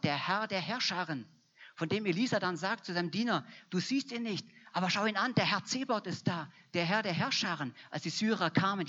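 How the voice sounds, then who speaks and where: A woman's voice: fairly low pitch, a bit bright, slightly rough. A woman preaching a sermon, emphatic and repetitive, building to fervent passages. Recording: dull lo-fi recording.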